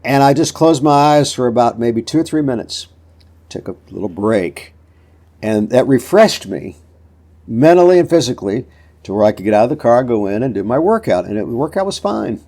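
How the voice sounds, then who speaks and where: An older man in his seventies hosts a relaxed motivational talk show. He rambles through gym anecdotes in a folksy way, acting out the people in his stories. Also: medium pitch, normal speed. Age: 70s. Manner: folksy storyteller, acts out quotes. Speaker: podcast host.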